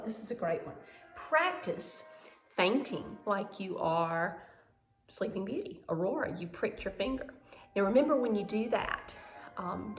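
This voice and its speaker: This instructional dance video features a woman of medium pitch and darkish tone leading a pantomime and ballet lesson. She demonstrates while speaking, stressing her words dramatically. Music plays in the echoey room around her.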